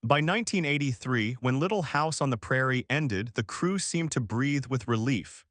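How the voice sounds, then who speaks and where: Guy doing scripted doc narration, mid-pitch voice, measured and dramatic. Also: animated, fairly bright tone, no echo, studio quality.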